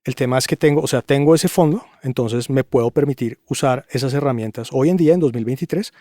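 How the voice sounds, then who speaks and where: A man's voice: mid-range voice, fast talker, mellow, dry recording, studio quality. Emphatic man making his case. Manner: emphatic, opinionated, repeats points with rhetorical questions. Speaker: guest, audio engineer. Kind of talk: podcast interview.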